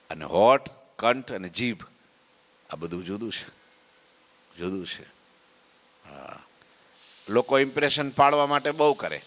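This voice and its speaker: Low-voiced man preaching in a reverberant hall. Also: fairly bright tone. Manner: storytelling, sings verses of hymns slowly. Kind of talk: devotional sermon. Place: temple hall. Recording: long reverb of a temple hall.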